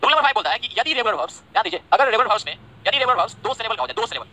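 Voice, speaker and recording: Rapid-fire bright-voiced male grammar teacher. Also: high voice, big pitch swings. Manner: repeats points and keeps checking understanding; chatty, teasing asides to students. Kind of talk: online grammar lesson.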